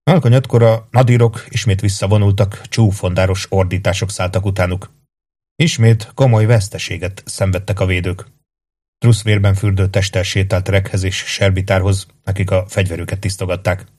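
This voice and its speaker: A male audiobook narrator with a lowish voice, telling a battle tale in steady, even scripted narration. His delivery stays level throughout.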